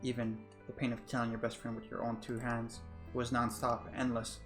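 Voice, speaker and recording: A man's voice: medium pitch, completely flat delivery, moderate pace, a bit bright, faint music behind, lightly acted. A man voicing a young woman stuck in a time loop, narrating her despair in the first person. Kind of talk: narrating a game in character.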